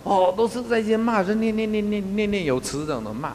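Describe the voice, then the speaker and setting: A man giving a Buddhist Dharma talk as a monastic teacher, telling anecdotes in an animated way and chuckling often. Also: high-pitched, brisk, long reverb tail, a little hiss or hum.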